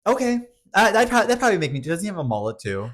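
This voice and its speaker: Young male co-host, bouncy pitch, filler-heavy and profane, casual gossip. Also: quick pace. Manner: animated, filler-heavy, swears freely. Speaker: podcast co-host.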